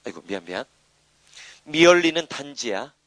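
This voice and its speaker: The recording is dry, and the man's medium-pitched voice moves at a moderate pace. He teaches English grammar live with animation, constantly prodding students through rhetorical questions and tags and adding boastful remarks.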